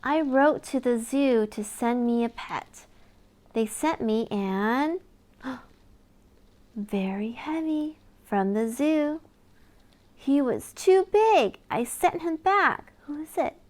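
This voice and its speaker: With a very slow, high-sitting voice, a woman reads a picture book to little children, using an expressive storytelling style full of exaggerated wonder.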